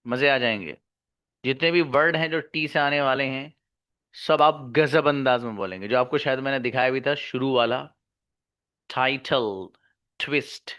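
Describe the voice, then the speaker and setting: A man teaching pronunciation in an online class, drawing out and repeating each sound slowly. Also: a little high, pushed and bright. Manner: slow, drawn-out demonstration of sounds, repeating each. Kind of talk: pronunciation lesson in Hindi and English.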